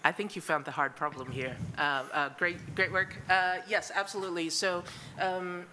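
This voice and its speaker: A woman's voice: on the low side, steady tone, moderate pace, bright, forceful tone, slight background noise. A woman speaker answering audience questions at a conference, thoughtful and hedging with fillers.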